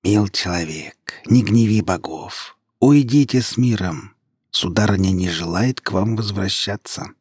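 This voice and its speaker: A man voicing a calm, powerful dwarf sorcerer who speaks slowly and hoarsely. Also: mid-range voice, dry recording, studio quality, pitched above the performer's own voice. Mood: calm warning. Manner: slow, hoarse, quietly menacing.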